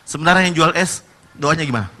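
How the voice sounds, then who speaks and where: A male pastor preaching a sermon, telling stories and acting out the people in them, his voice swinging between soft asides and loud exclamations. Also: on the high side, quick pace.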